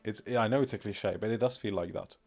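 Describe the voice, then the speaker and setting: With faint music in the background, a Polish man speaks quickly in a fairly low voice, his native Polish showing in his accent. He streams casually, rambling along with plenty of fillers and jokes at his own expense.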